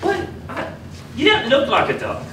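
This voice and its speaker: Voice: medium pitch, huge pitch swings, measured pace. An actor playing a dim, chatty servant and minder in a stage farce, bluntly literal and comic. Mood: puzzled. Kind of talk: theatrical stage farce acting. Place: small theatre stage with audience. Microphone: far camera. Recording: echoey noisy theatre, distant camera mic.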